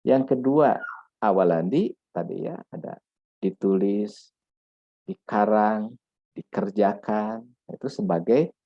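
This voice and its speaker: A man's voice: on the low side, no echo. A man lecturing on grammar in a patient, repetitive way, checking in with "ya" often. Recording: dull lo-fi dry recording.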